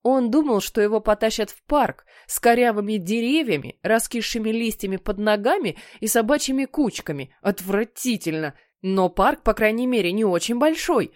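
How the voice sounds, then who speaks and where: A woman narrating a children's story in a lively, playful way. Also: fairly high pitch, moderate pace, hardly any pauses, dry recording, clean studio sound. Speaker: audiobook reader.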